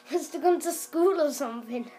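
Filming the TV screen in a living room for a game video, a child player improvises hesitant, coaxing role-play commentary. The voice is high and mellow, at a moderate pace.

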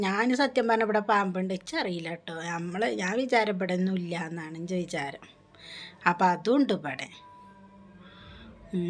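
A woman, telling her viewers a story in a chatty, animated way with many restarts. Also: mid-range voice. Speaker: vlogger.

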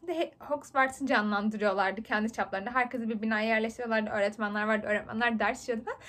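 A woman in her twenties chatting very fast and excitably while unboxing books for her vlog. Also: fairly high pitch. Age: 20s. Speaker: book vlogger. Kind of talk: casual unboxing chat.

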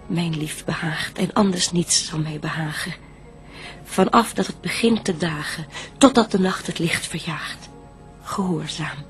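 In a radio play, an actress voices Eve, a devout and gentle bride, reciting solemn verse with measured reverence. Her female voice sits low, and the mood is tender and hushed.

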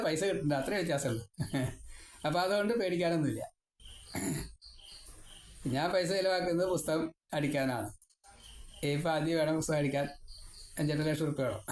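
A man giving a devotional scripture lesson. He chants verses slowly, then explains them in a rambling, personal way with wry asides. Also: fairly high pitch, slight background noise. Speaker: Bhagavatam teacher. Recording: echoey room with faint ambience.

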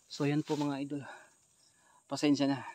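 A man with a slightly high voice films himself hunting for monsters in rural brush at night. He swings between hushed narration and alarmed shouts, sometimes chanting rhythmic mock-Latin prayers. Crickets and insects chirp in the background. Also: completely flat delivery, moderate pace, a little hiss or hum. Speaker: ghost hunter vlogger. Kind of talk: live outdoor ghost-hunt vlog. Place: rural undergrowth outdoors, insects heard.

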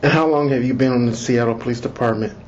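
A man with a mid-range voice reads an official interview script in a slow, measured way. The audio sounds like an interrogation tape from a desk recorder, muffled and lo-fi, with a faint hiss underneath. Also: medium pitch, a little mellow. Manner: slow, deliberate, measured reading. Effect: interview taped on an audio recorder, like an interrogation tape. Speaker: police lieutenant conducting an internal investigation interview. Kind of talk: formal official interview, reading set admonitions.

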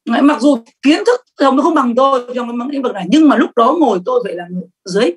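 A middle-aged woman giving a sales training talk, lively and emphatic, often asking the audience questions. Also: fairly high pitch, very fast, breathy edge.

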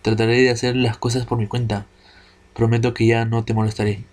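A man's voice: mid-range voice, little pitch movement, brisk, darkish tone, close to an everyday voice. A man reading the lines of a timid, apologetic schoolgirl in a video game, with stammers.

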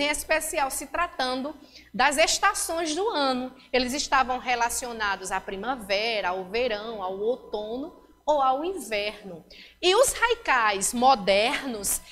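A woman's voice: high-pitched, fairly bright tone, in a large hall, a little hiss or hum. A woman teacher with a Brazilian Portuguese accent explains a lesson and keeps checking in with her students through short tag questions. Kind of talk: recorded classroom lesson.

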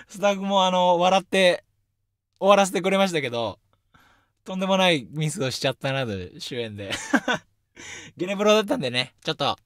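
Animated man hosting a radio talk. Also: fairly high pitch, no echo, clean studio sound. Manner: lively, animated storytelling with self-deprecating asides. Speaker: radio show host. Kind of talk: casual solo radio talk. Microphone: studio microphone.

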